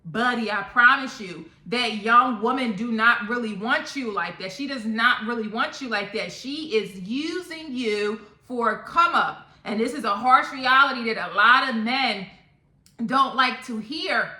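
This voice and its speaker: Unhurried and a little high, her voice has a pushed, bright quality. The thirty-something woman vlogs about a topic in a casual opinion monologue, hammering points bluntly and emphatically and often repeating them, all in an echoey room.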